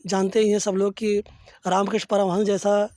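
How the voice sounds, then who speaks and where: A man's voice: sits high, little pitch movement, moderate pace, a little mellow. A man delivers a reflective discourse in a dry, echo-free setting. He is earnest and reverent, explaining like a teacher and weaving in verse and anecdotes.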